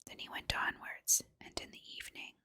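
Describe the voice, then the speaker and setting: A woman reading a fairy tale in a breathy ASMR whisper, as a measured, deliberate storybook narrator. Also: pushed and bright. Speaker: host and reader of fairy tales.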